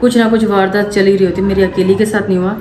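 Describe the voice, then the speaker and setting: A young woman from Pakistan, telling a story to camera for her family vlog in an animated way. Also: medium pitch. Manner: animated, quick to act out what happened. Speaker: family vlogger. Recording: echoey room with faint ambient noise.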